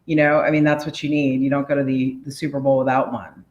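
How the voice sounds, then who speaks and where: A woman in her forties from the DC area, a mayor, talking as a podcast guest in an energetic, upbeat way and laughing often. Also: rumbling low, quick pace, roomy sound. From United States, DC area. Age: 40s. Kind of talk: podcast interview, casual.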